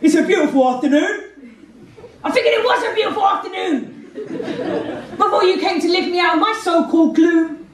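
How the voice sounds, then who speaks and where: Speaking into a handheld mic, a woman performs rhythmic, street-inflected spoken word on a theatre stage hung with red curtains. Her very high-pitched, expressive voice moves briskly but leaves long pauses. Recorded from a far camera, she sounds distant in a very echoey hall.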